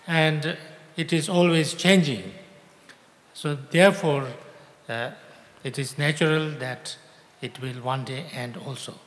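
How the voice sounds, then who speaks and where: A man's voice: fairly high pitch, takes it slowly, long pauses, fairly bright tone, big-room sound. A man interpreting a teacher's words into English, hesitant with many filler sounds.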